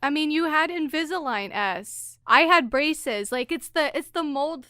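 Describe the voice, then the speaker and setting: A young woman co-hosting a casual book podcast, playful and quick to laugh, with joking asides. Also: high-pitched, animated, bright, forceful tone, dry recording, studio quality. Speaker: podcast co-host. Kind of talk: casual chat.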